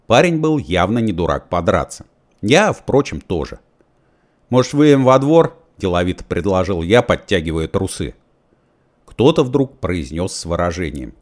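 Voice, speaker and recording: A low-voiced middle-aged man reads an audiobook, his pitch rising and falling with lively expression. He narrates evenly and then voices the hero's lines with feeling. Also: moderate pace. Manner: expressive, plays all the parts. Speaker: audiobook reader.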